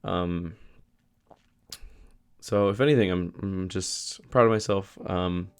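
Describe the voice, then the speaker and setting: This young vlogger's voice sits low and smooth as he takes things slowly in a casual video diary. A cold has him a little sick and losing his voice, and he rambles with many fillers and restarts.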